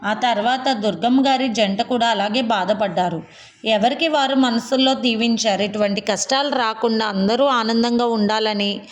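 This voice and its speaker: A woman reading a serialized family story in a steady, plain storytelling voice. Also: on the high side, normal speed.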